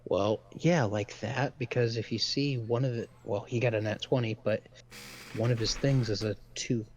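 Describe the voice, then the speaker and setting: A man's voice: lowish voice, fairly even intonation, normal speed. A man acting as game master of a tabletop game, explaining rules in an easygoing way with lots of fillers. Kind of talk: running a tabletop game, casual. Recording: faint room noise.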